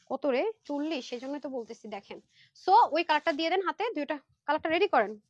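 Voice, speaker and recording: A woman's voice: high-pitched, animated, fairly quick, dry recording. A woman from Cumilla, Bangladesh, hosting a live online clothing sale, chatty and pushy, bargaining aloud over prices. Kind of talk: live-stream sales pitch. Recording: dry, dull lo-fi live-stream sound.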